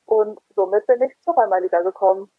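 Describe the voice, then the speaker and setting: A woman's voice: mid-range voice, fast, slightly rough, dry recording. A woman in her twenties, hesitant and full of ums, answering interview questions. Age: 20s. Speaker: interview guest. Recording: phone-line call.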